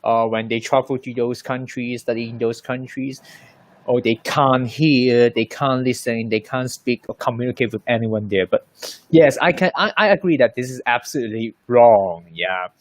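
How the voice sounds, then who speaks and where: A man hosts a panel talk. His delivery is halting, full of restarts and fillers, at an ordinary middle pitch. The sound is dry and close. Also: no echo. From Hong Kong. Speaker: host.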